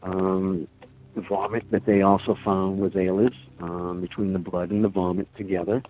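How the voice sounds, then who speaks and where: A man's voice: sits low, level tone, normal speed. An older man telling his story in a rambling, emphatic way, full of fillers, during a casual phone interview. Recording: tinny phone line, faint music.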